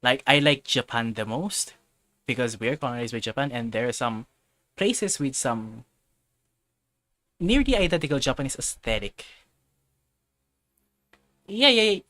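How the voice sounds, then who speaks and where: A man from the Philippines hosts a casual livestream, answering viewers while rambling, restarting, correcting himself and circling back to his point. His mid-range voice is animated but a little slow, with long pauses, and sounds pushed and bright. There is no room sound.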